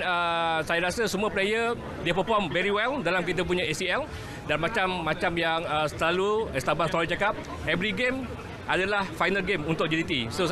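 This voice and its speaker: A middle-aged man from Johor speaks fast and fairly high into a reporter's handheld mic outdoors. He answers with confidence and slips English words into his speech. A noisy crowd of fans presses around him. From Johor, Malaysia. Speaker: football fan interviewee. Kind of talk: casual street interview. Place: outdoors at a crowded stadium forecourt. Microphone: reporter's handheld microphone.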